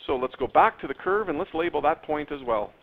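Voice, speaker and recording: A man with a highish voice talks fast as he teaches his class a math lesson, addressing the students directly. He sounds lively, stretching out words and spiking up on key terms. The recording is tinny and lo-fi, like a phone in a classroom, with faint noise.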